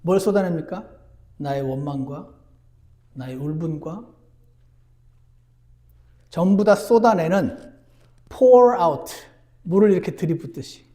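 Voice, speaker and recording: A man preaching a sermon as pastor, earnest, moving between emphatic lines and hushed ones. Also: a little high. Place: church.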